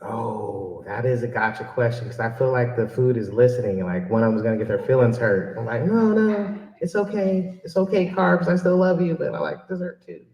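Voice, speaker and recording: In a public library event room, a man speaking at medium pitch and normal speed, with few pauses, hosts a joking, self-deprecating audience Q&A as a keynote speaker and author. He becomes animated quoting himself, and the distant mic picks up an echoey room.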